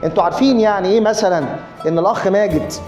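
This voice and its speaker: Fields: Sex: man. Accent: Egyptian Arabic. Role: pastor. Delivery: animated, high, fast sermon. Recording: roomy echo, faint music. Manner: animated storytelling, acting out his own and others' words.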